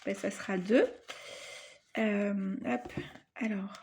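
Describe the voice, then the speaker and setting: A woman's voice: medium pitch, fairly even intonation, slow, very noisy. A woman doing a casual oracle card reading, hesitating often with fillers and self-corrections, reading card texts aloud between her comments. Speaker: card reader.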